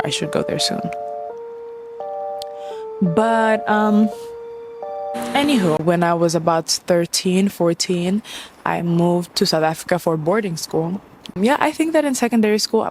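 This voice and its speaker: A young woman from Mozambique, a singer-songwriter, hosts a casual Q&A vlog in a fairly low, slightly mellow voice. She is playful and chatty, with faint music underneath.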